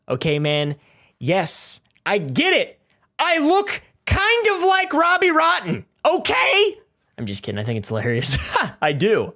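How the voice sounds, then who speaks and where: A nineteen-year-old guy reads viewer comments aloud in a casual vlog, being goofy, self-mocking and sweary, often slipping into mock outrage. His voice has a fairly high pitch and a slightly bright tone.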